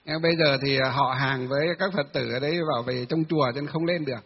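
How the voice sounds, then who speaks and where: Speaking fast in a husky, mid-range voice, a Buddhist monk gives his temple audience a chatty dharma talk, full of filler sounds and questions he answers himself. The recording is dull, distant and reverberant, from a hall.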